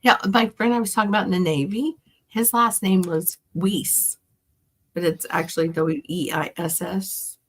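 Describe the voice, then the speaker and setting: Lowish raspy lady just chatting, joking around, bit salty and rambly. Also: steady tone, normal speed. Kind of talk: casual chat.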